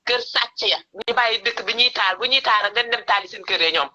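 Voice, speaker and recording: A Senegalese woman calls into a live stream, her voice coming through a phone on speakerphone. Her tone is sharp and piercing. She presses her points hard and repeats phrases for emphasis. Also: on the high side, fairly quick. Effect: phone call played over a speakerphone. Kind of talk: impassioned political call-in.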